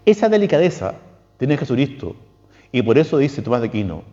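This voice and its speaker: A man's voice: in a large hall, lo-fi sound. A man with a Chilean accent, a priest giving a spiritual lecture, posing questions and quoting texts with emphatic rises. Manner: lively, questioning, quotes texts with emphatic pitch leaps.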